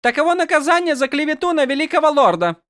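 A man's voice: very high voice, very animated, quick pace, fairly bright tone, no room sound, studio quality, voice pushed up, exaggerated voice. A man voicing a petulant young male king who speaks in haughty, clipped commands, read as an audiobook character. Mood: cold.

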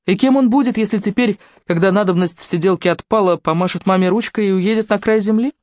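A narrator reading a novel aloud in a steady, measured way into a close microphone. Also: medium pitch, no room sound. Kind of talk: audiobook narration.

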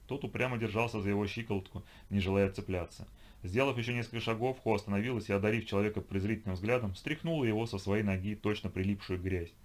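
Brief: male audiobook narrator, lowish voice, steady measured reading. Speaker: audiobook reader. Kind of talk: scripted narration.

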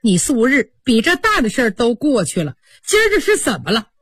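Brief: a woman playing a patient young maid, soft and slightly husky. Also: on the high side, wildly swooping pitch, fairly quick, dry recording, studio quality, exaggerated voice. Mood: placating. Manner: placating, reasoning. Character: patient young senior maid, soothing but stung.

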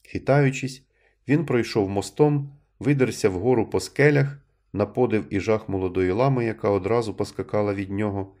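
A man narrating a literary story in an audiobook reading, with measured, even storytelling. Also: fairly low pitch.

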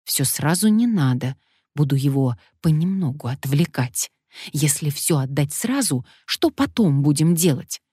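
A woman voicing a brisk, bossy middle-aged woman who teases and gives orders, in a low voice. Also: animated, warm tone, husky, no room sound, studio quality, heavily acted. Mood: bossy ironic.

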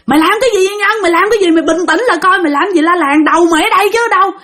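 A woman's voice: very high-pitched, rapid-fire, fairly bright tone, voice pushed up. A woman voicing an alarmed young husband who calls out to his friend urgently.

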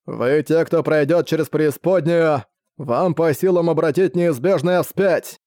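A man's voice: a little high, measured pace, darkish tone, no echo, studio quality. A man voicing a fierce, warlike adult king who roars commanding rally cries at his troops, in an audiobook. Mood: rousing.

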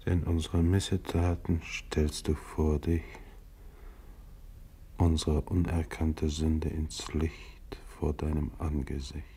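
Exhausted male polar captain, 1950s radio drama, slow, mournful recital, very low and gravelly. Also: flat delivery, dark tone, heavily acted. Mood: somber. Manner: solemn, slow, psalm-like recital. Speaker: expedition leader narrating. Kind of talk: 1950s radio play narration.

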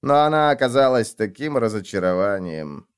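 A man voicing a cold, disappointed older father who speaks calmly and cruelly. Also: mid-range voice, smooth, natural voice. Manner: calm, cold, measured.

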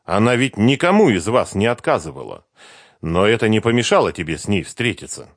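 A man's voice: on the low side, big pitch swings, brisk, no echo, clean studio sound. A man voicing a hurt, accusing young woman who confronts her former lover with pressing questions. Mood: bitter.

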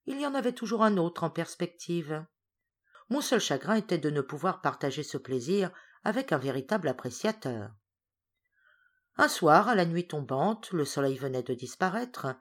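A woman reading a classic story aloud as an audiobook, with expressive, varied storytelling. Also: on the low side. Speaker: audiobook reader. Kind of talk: literary audiobook narration.

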